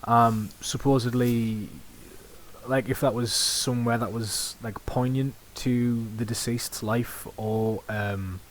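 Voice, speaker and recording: A man's voice: mid-range voice, steady tone, takes it slowly. A young man with a Sunderland accent, co-hosting a podcast, making dry, sweary, offhand remarks about ghosts. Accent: Sunderland (Mackem). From Sunderland, England. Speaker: podcast co-host. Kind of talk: casual chat about ghost stories. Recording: faint hiss.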